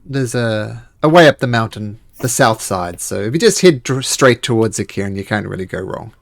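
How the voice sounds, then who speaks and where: Friendly, generous male outfitter for a tabletop game, voiced by a man, folksy and obliging, lively swooping pitch. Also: moderate pace, gravelly, no room sound. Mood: matter-of-fact, helpful. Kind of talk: improvised tabletop role-play.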